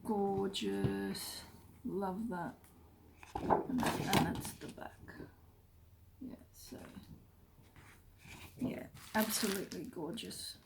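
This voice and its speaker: Slow, gravelly woman chatting. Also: mid-range voice. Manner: chatty, rambling, often trails into soft murmurs. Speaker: craft vlogger. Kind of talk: casual show-and-tell. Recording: noisy room with paper crinkling.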